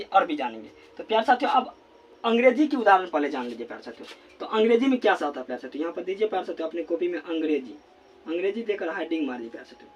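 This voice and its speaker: A male teacher giving a classroom grammar lesson at a board, repeating words slowly as he writes and asking questions he then answers himself. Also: sits high, slight background noise. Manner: repeats words slowly while writing, constant filler phrase.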